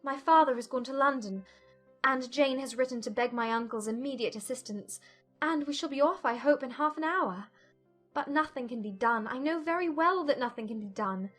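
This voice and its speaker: A woman playing an agitated, self-reproaching young gentlewoman in formal dialogue from a dramatized period audiobook. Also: high-pitched, normal speed, soft background music. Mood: distressed, hopeless.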